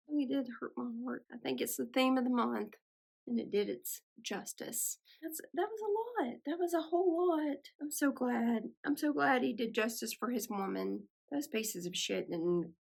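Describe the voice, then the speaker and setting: A woman's voice: high-pitched, gravelly. A woman hosting a film reaction, exclaiming and cheering at the screen. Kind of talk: excited film reaction commentary.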